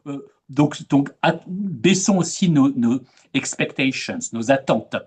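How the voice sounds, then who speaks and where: A French-accented man, a webinar moderator and expat coach, hosts a video-call webinar in a medium-pitched, slow, slightly breathy voice. He's conversational and hesitant, often repeating words, yet stresses points with animation.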